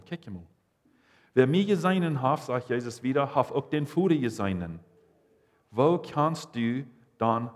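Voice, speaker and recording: A man reading Bible passages and commenting, halting and restarting as he goes. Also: medium pitch, a little mellow. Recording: long reverb, hall.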